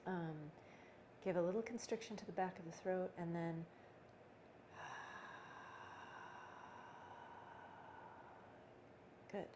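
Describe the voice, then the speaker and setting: A woman teaching a breathing exercise in a gentle, unhurried, conversational way, with pauses. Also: lowish voice. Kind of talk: guided breathing instruction, casual and conversational. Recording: clearly noisy background ambience.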